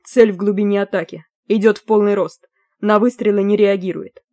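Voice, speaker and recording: An urgent, alarmed adjutant reporting in clipped phrases, read by a woman narrating a storybook. Mellow and dark in tone, dry and close. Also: mid-range voice, fairly even intonation, a little fast, dry recording, natural voice. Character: alarmed military adjutant on a radio, man.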